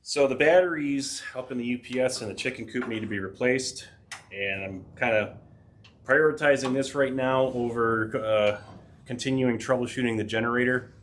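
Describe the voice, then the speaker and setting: Fairly bright in tone and mid-range in pitch, this man talks at a normal speed, with slight background noise in his home workshop. Nursing a head cold, he narrates a repair for his DIY tech channel in a casual, rambling style full of fillers and dry asides.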